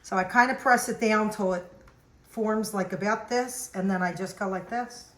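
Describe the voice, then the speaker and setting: A woman's voice: mid-range voice, moderate pace, a bit bright, roomy sound. A woman casually showing a cookie recipe in her home kitchen, chatting and explaining each step as she goes. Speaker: home cook demonstrating recipes.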